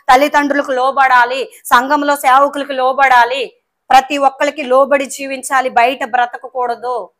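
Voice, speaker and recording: A woman's voice: high voice, fairly bright tone. A woman preacher delivering a sermon and closing prayer at a church service, with fervent, repetitive exhortation. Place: church service, streamed live.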